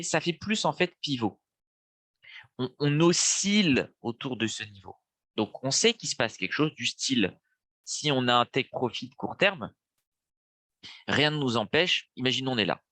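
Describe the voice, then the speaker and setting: The trading webinar host is a young Frenchman whose nose is blocked by a cold. He has a medium-pitched, fairly bright voice with no echo, and he talks viewers through a live lesson casually, thinking out loud with lots of fillers.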